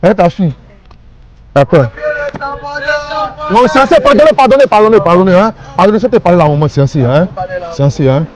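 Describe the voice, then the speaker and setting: Ivorian man, high-pitched, coaxing, filmed on a phone on a street at night. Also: lively intonation, brisk, pauses often, a crowd in the background, low-quality recording. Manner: coaxing, repetitive, full of "hein". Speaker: man filming a street act of charity.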